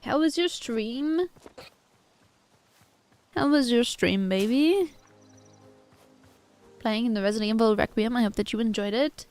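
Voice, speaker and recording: A woman's voice: on the high side, expressive, a little slow, long pauses, clear, resonant tone, faint music behind. A woman streaming a game, speaking in a stiff, formal put-on character accent while greeting raiders and chatting. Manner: greets raiders and chat warmly. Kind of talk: live gaming stream chat.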